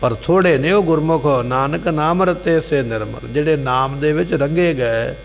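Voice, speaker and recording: Male preacher, somewhat high voice, explains scripture in short repeating phrases, long hall echo, faint hum. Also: normal speed, creaky. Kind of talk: devotional scripture exposition. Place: gurdwara hall.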